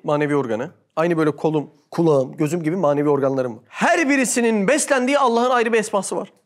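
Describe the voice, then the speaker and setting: A man giving an animated religious sermon talk, full of rhetorical questions and exclamations. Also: on the high side.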